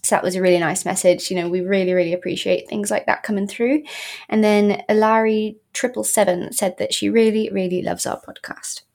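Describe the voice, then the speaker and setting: A woman's voice: mid-range voice, steady tone, a little fast, creaky, darkish tone. A woman co-hosting a casual podcast, chatty and full of fillers, her voice a little worn. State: losing her voice a bit. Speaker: podcast co-host.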